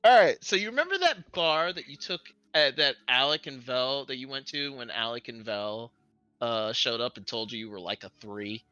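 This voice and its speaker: A man's voice: mid-range voice, expressive, bright, forceful tone, no room sound, highs cut off. A man running a tabletop role-playing game as game master, narrating scenes with frequent laughs and restarts. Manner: laughs often, halting restarts.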